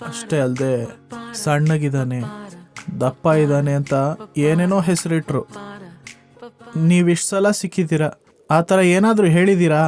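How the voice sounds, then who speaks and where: A man's voice: on the high side, fairly even intonation, unhurried, long pauses, darkish tone, faint music behind, lightly acted. An actor playing a tearful young man who keeps begging a woman to marry him, in a web series drama. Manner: pleading, repetitive. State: crying.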